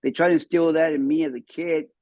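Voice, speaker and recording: A man's voice: fairly high pitch, fairly even intonation, a little mellow, no echo, lo-fi sound. A man in his fifties who grew up in Mexico, telling his life story as a podcast guest in a casual, repetitive way. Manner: fast, repeats words as he talks.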